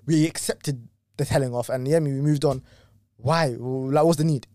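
A young man telling a work story in casual chat, animated and ranting, full of slang and swearing. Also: medium pitch, moderate pace, dry recording, clean studio sound.

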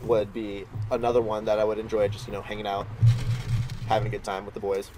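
A young man in easygoing, relaxed casual chat with friends. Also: on the low side, fast, a little hiss or hum.

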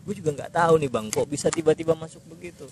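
A man with a fairly high voice chats as a podcast guest. He speaks slang, agreeable and joking in a casual way. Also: quick pace, darkish tone. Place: coffee shop.

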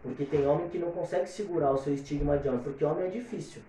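Podcast guest: man, rambling and opinionated, dark tone, heard from a distance in a roomy space. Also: a little high, racing, a little hiss or hum. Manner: opinionated, rambling, repeats fillers. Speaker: guest singer. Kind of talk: casual podcast chat. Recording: very echoey room, distant mic.

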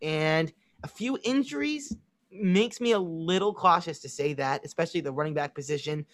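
A man's voice: on the high side, normal speed, a bit bright, no echo, clean studio sound. A man with a Chicago accent co-hosting a casual sports podcast, confidently analyzing teams and making predictions. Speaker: podcast co-host.

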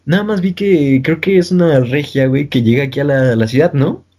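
A man's voice: a little high, brisk, warm tone. A young man from Mexico City talking in a casual, slangy, joking way as a podcast co-host. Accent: Mexico City Spanish. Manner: slangy, joking, imitates northern speech. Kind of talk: casual chat.

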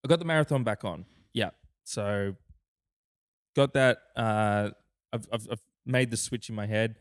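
A man's voice: on the low side, measured pace. A young adult man co-hosting a podcast, talking casually with many restarts and fillers. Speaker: podcast co-host. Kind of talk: casual chat.

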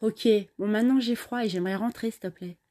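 A woman's voice: fairly high pitch, fast talker, dark tone, pitched above the performer's own voice, close to an everyday voice. A woman voicing a young female newcomer to the city, guarded and easily exasperated, in a raised, tense voice. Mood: tired.

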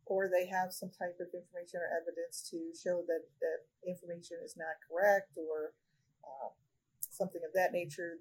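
A woman who directs a regional office of a state agency, answering interview questions in a measured way with many fillers. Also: lowish voice, darkish tone, breathy edge, low-quality recording. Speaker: regional director of a state human rights agency, podcast guest.

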